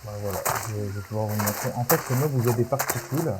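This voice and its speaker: A man with a cold rattles off casual Minecraft commentary in a lowish, rapid-fire voice, hesitating with many fillers and restarts. This gaming YouTuber's recording carries music behind him and heavy background noise.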